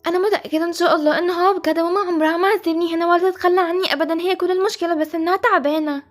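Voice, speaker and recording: Woman doing a sweet new schoolgirl, egyptian accent, really high and fast, earnest. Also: fairly even intonation, soft background music. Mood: hopeful. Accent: Egyptian Arabic. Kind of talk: game-animation story acting.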